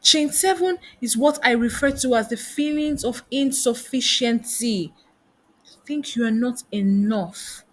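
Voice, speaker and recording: Brief: woman career coach, husky and fairly high voice, preachy rhetorical teaching. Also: a little slow. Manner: asks many rhetorical questions. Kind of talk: motivational teaching talk.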